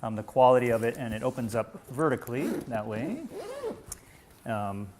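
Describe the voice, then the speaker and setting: A man presenting camera bags on a live show, relaxed and friendly as he gives tips. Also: mid-range voice, moderate pace, noisy background. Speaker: product presenter. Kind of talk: casual product demo.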